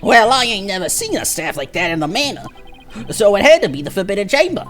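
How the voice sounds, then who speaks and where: A man acts out a cocky little crook on the witness stand in a courtroom game. He talks in folksy street slang with clipped word endings, pitched on the high side and lively. Faint music plays behind him. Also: fast talker. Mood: aggrieved. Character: scrappy small-time pickpocket witness, cocky and folksy.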